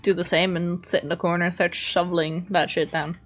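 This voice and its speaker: A woman's voice: fairly low pitch, level tone, fairly quick, faint music behind. A woman playing a tabletop game, chatting casually and playfully.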